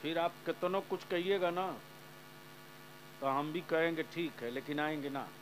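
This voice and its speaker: A man preaching a sermon to a large gathering, swinging between soft passages and loud fiery shouts, and calling on the crowd to answer aloud. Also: fairly high pitch, unhurried, background noise. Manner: talks directly to the audience, asking them to answer aloud. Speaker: Islamic preacher.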